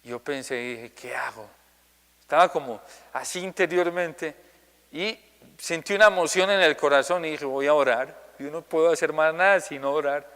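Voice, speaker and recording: A man's voice: fairly high pitch, normal speed, big-room sound. A male Colombian priest giving a homily, telling a personal story and acting out the people he quotes. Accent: Colombian Spanish. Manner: storytelling, quoting others in lively voices.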